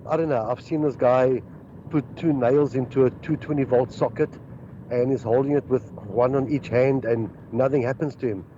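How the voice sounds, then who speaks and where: Man, recorded voice message, mellow tone, muffled lo-fi sound, faint traffic behind. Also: medium pitch, fairly even intonation, moderate pace. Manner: rambling, hesitant, with many fillers. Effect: recorded voice message played on air. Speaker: listener sending in a question. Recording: dull lo-fi voice note with faint street traffic.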